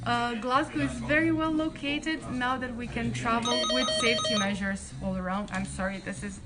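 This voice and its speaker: High-voiced woman. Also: fairly even intonation, moderate pace. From Croatia. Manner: friendly, chatty, many restarts. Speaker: accommodation staff hosting a live stream. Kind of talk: live-stream Q&A, reading chat questions. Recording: crowd chatter behind.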